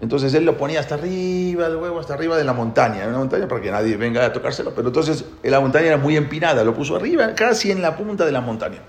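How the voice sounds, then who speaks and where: A man telling a parable in an animated way, emphatic and repetitive, often restarting his sentences. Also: a little high, very fast, hardly any pauses. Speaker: guest telling a religious parable. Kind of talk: animated storytelling. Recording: echoey room.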